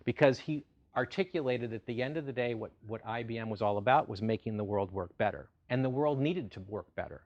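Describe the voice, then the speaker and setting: A man's voice: medium pitch, brisk, darkish tone, dull audio. A middle-aged man giving a corporate keynote with polished enthusiasm, repeating phrases for emphasis. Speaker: CEO keynote speaker.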